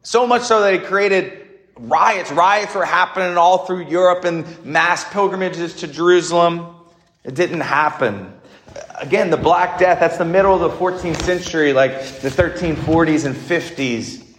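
A man's voice: fairly high pitch, normal speed, a bit bright, echoey room. A man preaching a homily as a priest, explaining in a conversational way with rhetorical questions and short emphatic phrases.

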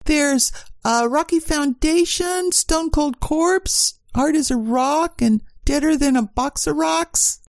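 A sassy secretary who loves to give orders. Her voice is very high and creaky, recorded dry. She throws slang around in comic radio-play style. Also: takes it slowly, no echo. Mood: eager storytelling. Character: bossy, sassy female secretary steeped in detective slang.

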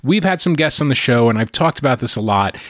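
A man's voice: medium pitch, expressive, fast talker, fairly bright tone, no echo, studio quality. A man hosting a podcast, explaining things in a conversational way and often checking in with tag questions. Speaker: podcast host. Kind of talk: solo podcast monologue.

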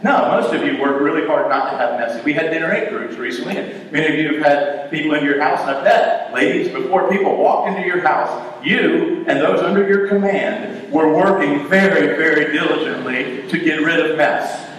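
A man's voice: fairly high pitch, normal speed, hardly any pauses, a bit bright. A man preaching a sermon as pastor to his congregation in a large church, talking conversationally and throwing rhetorical questions at the room. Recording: echoey hall from far off.

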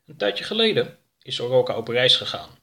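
A man reading a children's story aloud as a lively storyteller. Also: medium pitch, a little fast, vocal fry. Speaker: narrator. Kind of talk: scripted storybook narration.

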